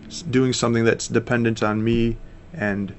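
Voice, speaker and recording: A man in his thirties from the United States talks as a missionary guest in a casual interview, earnest and steady and full of fillers. His voice is medium-pitched and level at a normal speed, and there's a little hiss or hum in the audio.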